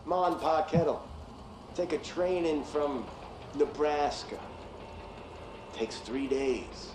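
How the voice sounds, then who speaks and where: Slow-spoken jailed killer, calm and menacing, in a roomy game mix with faint hiss. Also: male voice, on the high side. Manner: slow, measured, menacing storytelling. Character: calm imprisoned male killer telling his story.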